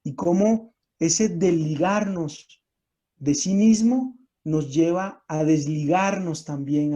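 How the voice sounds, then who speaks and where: A man speaking at an online conference, telling a story in a measured, reflective way with repeated phrasing. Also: a little high, warm tone, lo-fi sound. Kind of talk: storytelling talk on compassion. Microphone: online conference call.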